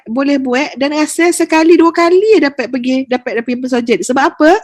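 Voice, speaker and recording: Ustazah wanita, bercerita penuh perasaan. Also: female voice, high voice, no echo, clean studio sound. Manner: lively storytelling, lively with emotion. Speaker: religious teacher. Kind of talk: podcast chat.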